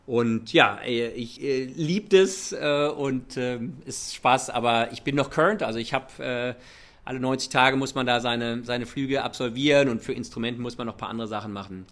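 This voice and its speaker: A man with a medium-pitched voice speaks German with a light American accent. He answers like an executive in a conversational interview, feeling for his words and slipping in English business vocabulary. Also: moderate pace, a bit bright. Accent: slight American accent in German. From Germany and the United States. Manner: hesitant, mixing English business terms into German. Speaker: airline chief executive.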